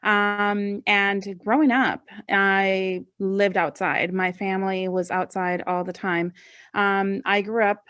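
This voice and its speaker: A woman's voice: mid-range voice, flat delivery, takes it slowly, fairly bright tone, clean tone, dry recording, clean studio sound. A woman in her forties from Ecuador telling her own story as a forum panelist, chatty with frequent ums and restarts. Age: 40s. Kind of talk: personal storytelling.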